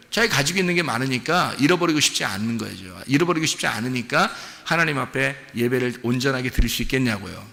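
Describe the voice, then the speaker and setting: A man's voice: medium pitch, gravelly, sharp tone, in a large hall. A man preaching a sermon as pastor in a conversational way, acting out little dialogues with God. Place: church sanctuary.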